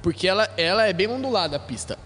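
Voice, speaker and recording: A Brazilian man who is a podcast guest, telling a story in animated, casual and profane talk and acting out what other people said. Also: high-pitched. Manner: animated, profane, quick-talking; acts out other people's lines.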